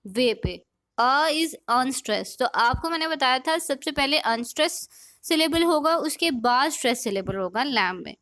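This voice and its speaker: High-voiced woman teaching a poetry lesson. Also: animated, a bit bright. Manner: explains slowly, repeats points, checks with "theek hai?". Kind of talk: explanatory lesson.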